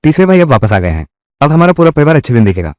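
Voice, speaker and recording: A man's voice: a little high, big pitch swings, very fast, no room sound, studio quality. A man narrating a dubbed drama recap and reading every part himself in one voice. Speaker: dubbing narrator. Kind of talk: Hindi drama recap dubbing.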